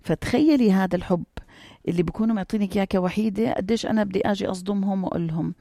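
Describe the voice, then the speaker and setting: Fast, gravelly woman. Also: mid-range voice, warm tone, no echo, clean studio sound. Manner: earnest, emphatic storyteller. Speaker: interview guest, cancer survivor. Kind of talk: heartfelt personal story.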